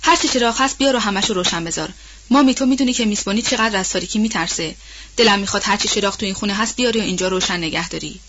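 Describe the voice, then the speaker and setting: A woman's voice: mid-range voice, a bit bright, lo-fi sound, a little hiss or hum, lightly acted. A woman reading as a grieving, commanding master. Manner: commanding, fixated. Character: grieving drunk master of the house, man. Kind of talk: audiobook role-play reading.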